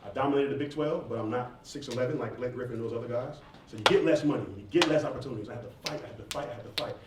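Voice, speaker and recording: A man in his thirties, a rapper and stage performer, talks very fast with a medium-pitched voice as he answers students' questions, repeating phrases informally and emphatically. He's in a roomy indoor campus event space, recorded by a distant mic with echo and faint noise.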